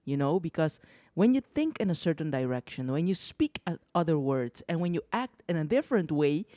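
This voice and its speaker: Talk show co-host, reflective, repeats phrases, medium pitch, dry close sound. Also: big pitch swings, fairly quick, mellow, no room sound. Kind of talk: casual talk show chat.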